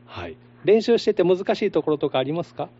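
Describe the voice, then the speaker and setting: A radio host chats with schoolchildren over the phone at a brisk clip, asking simple questions and filling the gaps with soft murmurs of agreement. The voice sits warm and dark, and the broadcast sound is dull and lo-fi. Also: mid-range voice, wildly swooping pitch. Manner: gentle, with constant short backchannels and simple questions. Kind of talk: casual radio phone interview. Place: radio studio.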